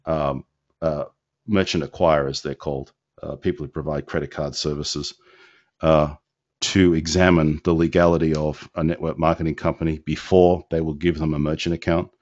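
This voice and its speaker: A man with an extremely low, slightly mellow voice speaks flatly at a moderate pace in dull, dry, lo-fi audio with no echo. Not from Indiana, he hosts a casual live business Q&A webinar, answering loosely with many fillers and restarts.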